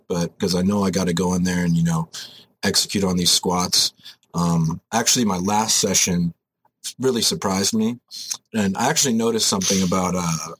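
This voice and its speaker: A man's voice: low-pitched, a bit bright, slight background noise. A young man co-hosting a casual podcast, joking around and ranting with mock intensity about training. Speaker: podcast co-host. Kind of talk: casual chat.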